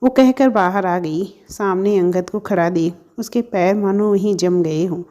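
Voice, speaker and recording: Woman storyteller, mellow tone, steady scripted narration. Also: mid-range voice, a little slow.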